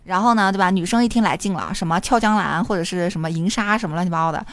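A woman's voice: lowish voice, quick pace, no room sound. A young woman hosting a show, telling a funny story with lots of giggling and casual cussing. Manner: animated, giggly, cusses casually. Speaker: host. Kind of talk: comic storytelling.

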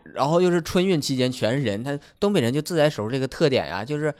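A man's voice: mid-range voice, lively intonation, quick pace, a little mellow. A man from Harbin, bantering dryly on a comedy podcast. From Harbin, Northeast China. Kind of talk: casual comic banter.

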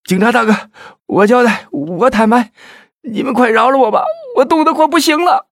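A man's voice: very high voice, normal speed, a bit bright, no room sound, clean studio sound, pitched above the performer's own voice, exaggerated voice. A man voicing a desperate, freezing male prisoner who cries out and begs in an audiobook. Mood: pleading. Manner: crying out, pleading.

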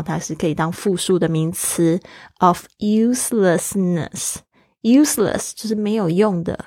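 A woman teaching English vocabulary in a bilingual lesson, slowing down to spell words out letter by letter. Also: on the low side, darkish tone, dry recording, studio quality.

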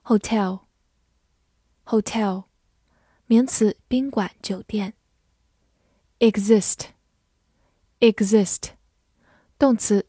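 A woman with a somewhat high, warm and mellow voice leads a scripted vocabulary lesson at an unhurried pace. She spells each word letter by letter and reads the example sentences slowly and clearly. The sound is close and dry. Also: dry recording. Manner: measured, even explanatory delivery in Chinese with English words. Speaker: English vocabulary teacher.

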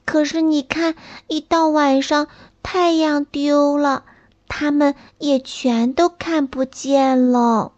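A tiny snail child with a high, sweet voice, speaking slowly and wonderingly, as a woman puts it on. The bedtime-story character sounds timid and easily tearful. The recording is a little dull and lo-fi. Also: steady tone, darkish tone. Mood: sad.

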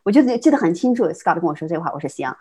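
A middle-aged woman from China, a guest telling her life story in casual conversation, quick and full of restarts and laughs. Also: fairly low pitch, big pitch swings, dark tone, slightly rough. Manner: fast, with many repeated words and restarts, frequent laughs. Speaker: interview guest.

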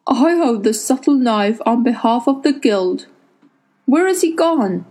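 A battered old man, bitter and afraid, muttering slowly through broken teeth, as a woman reads him in a storybook. His voice is soft and husky and comes unhurried. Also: fairly high pitch, animated, pitched above the performer's own voice. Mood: grim.

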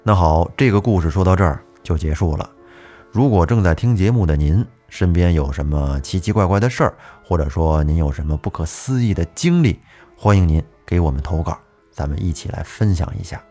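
A man hosting a storytelling podcast, narrating a listener's tale in a steady, measured way. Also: low-pitched. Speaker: podcast host. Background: faint background music.

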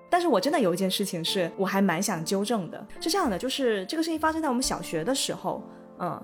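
A woman co-hosting a chatty podcast, telling a childhood story at a quick clip. Her voice sits at an ordinary middle pitch and she laughs easily as she talks. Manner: lively, laughs often while telling a story. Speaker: podcast co-host. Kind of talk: casual storytelling chat.

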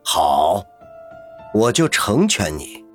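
A man's voice: fairly low pitch, sing-song, extremely slow, faint music behind, exaggerated voice. A man voicing a cold, taunting mysterious captor who talks in a sneering, mocking way in an audio drama. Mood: cold menace.

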